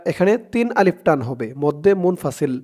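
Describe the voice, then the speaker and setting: A man with a Bangladeshi Bengali accent teaching Quran reading, chanting verses slowly and then breaking the words into syllables. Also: fairly high pitch, a little mellow. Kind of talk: slow step-by-step recitation lesson.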